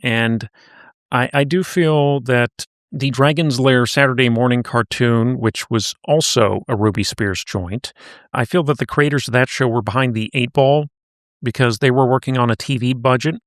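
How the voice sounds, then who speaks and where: Podcast host recapping cartoons, dry sound. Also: male voice, medium pitch, moderate pace, no echo. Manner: recapping in a conversational storytelling way. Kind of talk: casual podcast chat.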